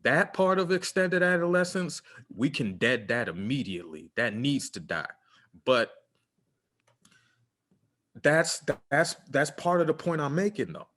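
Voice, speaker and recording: With a fairly high, sing-song and slightly bright voice, this man co-hosts a podcast at a measured pace. He dispenses relationship advice in relaxed conversation, earnest and preachy, with many fillers.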